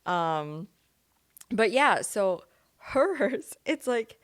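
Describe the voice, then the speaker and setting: A woman's voice: mid-range voice, sing-song, extremely slow. A woman co-hosting a podcast in casual chat, rambling, restarting her sentences and laughing often. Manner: chatty, laughs often, trails off mid-sentence. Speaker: podcast co-host.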